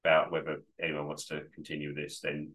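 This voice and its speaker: A rumbling low voice delivers completely flat, fairly quick speech with a bit of brightness. The speaker is a podcast co-host, upbeat and rambling in casual chat, self-correcting, and on the mend from a cold.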